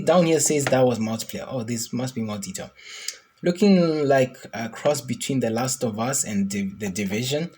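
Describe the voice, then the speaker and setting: A man's voice: mid-range voice, a little mellow, husky. A man giving casual, rambling commentary as he reacts to a video game trailer. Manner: chatty, rambling, speculative. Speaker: gaming YouTuber reacting to a trailer.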